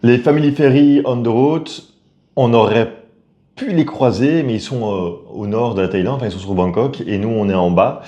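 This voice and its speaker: A man vlogging with his family in casual chat, relaxed and correcting his partner's sentences. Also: mid-range voice, normal speed, roomy sound, dull audio.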